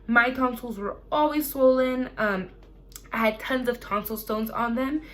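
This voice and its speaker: A young adult woman vlogger chatting casually to camera, telling personal stories in a chatty, animated way. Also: fairly high pitch, unhurried.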